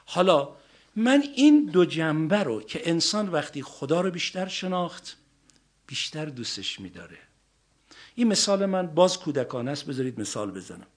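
A man's voice: on the high side, sing-song. Emphatic male preacher. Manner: emphatic, swings between loud rising stresses and soft drops. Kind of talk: sermon.

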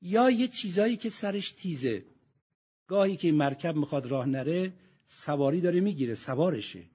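A man giving a religious sermon, reciting verses slowly and moving between quiet reflection and loud exhortation. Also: fairly high pitch, animated, slightly rough. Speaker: preacher.

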